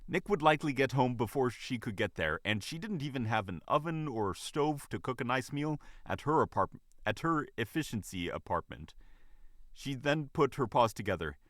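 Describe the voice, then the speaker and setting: A man reading a fan story aloud, expressive and correcting his slips as he goes. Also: mid-range voice, normal speed, no room sound, clean studio sound. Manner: expressive with frequent self-corrections. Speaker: story reader.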